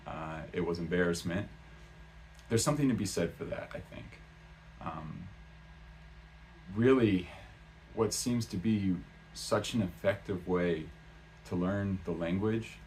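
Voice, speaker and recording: A man's voice: sits low, a little mellow, slight background noise. A man talking casually in a vlog about learning a language, rambling with lots of "um" and "uh" and restarting his sentences. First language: English. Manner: rambling, many fillers and restarts.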